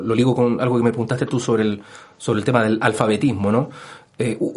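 Chilean male historian guest, radio interview, unhurried explainer, lots of "eh" and "¿no?", mid-pitched voice. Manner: explanatory, many fillers and hedging tags. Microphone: studio microphone.

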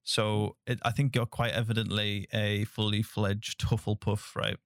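A man's voice: fairly low pitch, flat delivery, unhurried, dry recording, studio quality. A man with a Northern English accent, hosting a casual podcast chat and laughing easily. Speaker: podcast host.

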